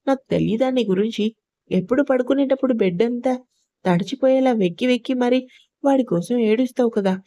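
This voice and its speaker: A woman's voice: fairly high pitch, a little fast, mellow, dry recording. A woman voicing a jealous, harsh young husband who scolds and accuses his wife in a told story. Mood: accusing. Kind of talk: storybook narration.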